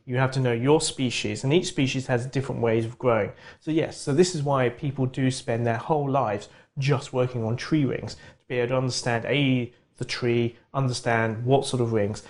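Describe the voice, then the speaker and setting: Man explaining like a lecturer. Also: mid-range voice. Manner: lively lecturing, with quick bursts and restarts. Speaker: geography professor, interview guest. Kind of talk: conversational expert explanation.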